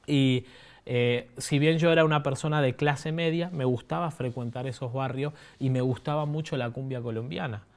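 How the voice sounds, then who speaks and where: An Argentine man in his thirties gives a sermon built on his own testimony. His voice sits at an ordinary middle pitch. He speaks in a loose, conversational way and keeps turning to the congregation with questions. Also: fairly even intonation, normal speed. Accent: Argentine Spanish. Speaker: preacher.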